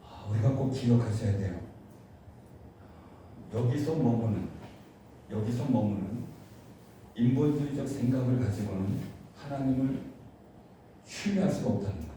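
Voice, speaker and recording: A male pastor preaching a sermon in a church, animated, with his voice rising to fervent cries when he acts out prayers. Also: medium pitch, moderate pace, long pauses. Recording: echoey church hall from far off, faint hiss.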